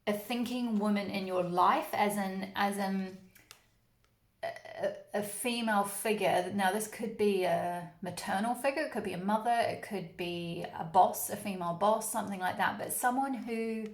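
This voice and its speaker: A woman's voice: mid-range voice, normal speed. A woman from New Zealand with a New Zealand accent, giving a casual, rambling tarot reading with many fillers and restarts. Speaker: tarot reader. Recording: roomy echo.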